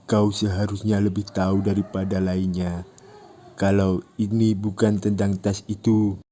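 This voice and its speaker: A man voicing a confident young male friend in a comic recap, speaking loud and blunt. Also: fairly low pitch, little pitch movement, a little slow, natural voice.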